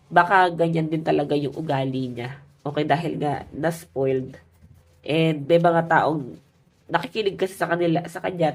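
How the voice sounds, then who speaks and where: Woman, tarot reader, nasal and congested, deep voice, casual chatty reading. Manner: chatty, addresses viewers as guys. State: stuffy, nasal from a cold.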